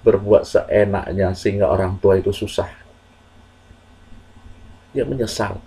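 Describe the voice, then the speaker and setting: A man telling a moral story to children in a slow, earnest, measured way with pauses. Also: lowish voice, steady tone, dark tone, slightly rough, low-quality recording.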